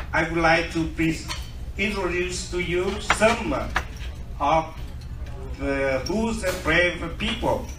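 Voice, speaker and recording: Slow Vietnamese-accented man giving a podium speech. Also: a little high. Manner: halting, with deliberate pauses between short phrases. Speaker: award recipient, human rights organization representative. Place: large indoor dinner event. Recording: distant mic, echoey noisy banquet hall.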